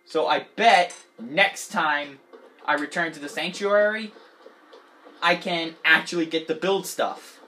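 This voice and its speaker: A gaming channel host giving excitable, chatty, playful gameplay commentary. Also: mid-range voice, takes it slowly, a little hiss or hum.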